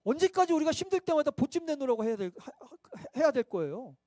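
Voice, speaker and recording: A man's voice: very high-pitched, sing-song, fast, mellow, dry recording. A man preaching a sermon as pastor at a midweek church service, conversational and self-mocking, asking his listeners rhetorical questions.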